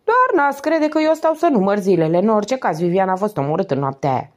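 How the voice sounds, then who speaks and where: A woman reading aloud and voicing a loud, cheeky male vagrant who talks with easy familiarity. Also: mid-range voice, big pitch swings, pitched above the performer's own voice, natural voice.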